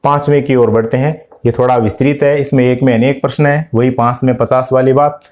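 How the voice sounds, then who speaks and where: A man's voice: medium pitch, fairly even intonation, fairly quick, darkish tone. A man teaching an exam-prep grammar lesson, explaining corrections step by step and asking his students questions. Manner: addresses students directly.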